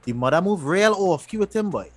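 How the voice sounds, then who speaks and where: A man, co-hosting a casual show recap and retelling scenes in an animated way. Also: high voice, brisk, faint music behind. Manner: animated, loose storytelling with repeated restarts. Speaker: podcast co-host.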